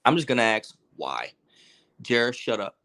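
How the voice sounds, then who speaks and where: A man's voice: mid-range voice, sing-song, unhurried, bright, forceful tone. A man hosting a casual sports podcast, ranting in an exasperated, heated way with swearing and teasing of his co-hosts. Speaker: podcast host.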